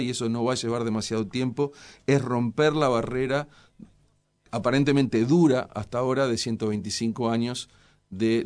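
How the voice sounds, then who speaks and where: A middle-aged man with a Uruguayan Spanish accent speaks as a scientist guest in an interview. He explains at length in a measured manner, pausing often on fillers as he builds his answers. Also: mid-range voice, darkish tone. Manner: measured, explanatory, many hesitations.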